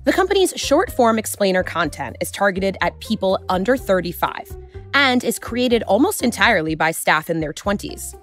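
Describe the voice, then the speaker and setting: A woman's voice: medium pitch, very animated, moderate pace, fairly bright tone, faint music behind. A woman hosting an interview and narrating the report, asking questions in a conversational way. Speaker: host and narrator.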